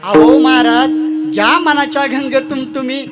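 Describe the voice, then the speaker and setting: A woman's voice: high-pitched, steady tone, moderate pace, loud music behind the voice, lightly acted. A woman voicing a shrewd male village householder who questions and mocks a holy man in a sermon story. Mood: mocking. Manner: pointed questioning.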